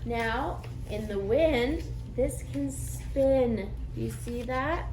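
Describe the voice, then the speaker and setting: A woman teaching young children in a sing-song, clearly enunciated way, encouraging them step by step with simple repeated phrases. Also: on the high side, slow, darkish tone. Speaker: preschool teacher. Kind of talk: instructional lesson for young children. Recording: echoey room with faint background noise.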